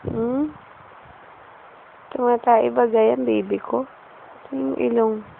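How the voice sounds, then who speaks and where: A mother, cooing slowly in soft baby talk to her infant. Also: fairly high pitch, fairly even intonation, gravelly. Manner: cooing, sing-song, slow and soft. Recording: muffled phone-like home video with hiss.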